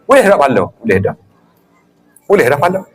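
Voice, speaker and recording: A middle-aged man with a Patani Malay accent giving a lively religious lecture, acting out greetings and chuckling often. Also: fairly high pitch, fast, a little hiss or hum. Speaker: religious teacher.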